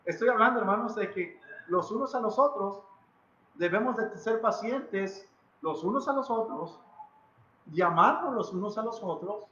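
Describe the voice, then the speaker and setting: This pastor, who has a Mexican Spanish accent, preaches at a moderate pace in a high voice that sounds pushed and bright. Inside a church hall, he gives an emphatic, dramatic sermon full of repeated phrases and questions aimed at the congregation. The sound is echoey, with the high frequencies missing.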